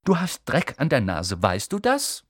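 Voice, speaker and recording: A man's voice: mid-range voice, wildly swooping pitch, a little slow, slightly rough, no room sound, studio quality, heavily acted. A man voicing a haughty, scolding know-it-all schoolgirl in an audiobook reading. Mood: bossy.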